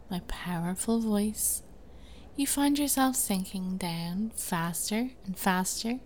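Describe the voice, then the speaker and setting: Casting: woman as seductive, commanding princess hypnotist. ASMR role-play, right in the ear, unhurried and mellow, faint noise behind. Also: mid-range voice, natural voice. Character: imperious, seductive princess hypnotist, coaxing and controlling.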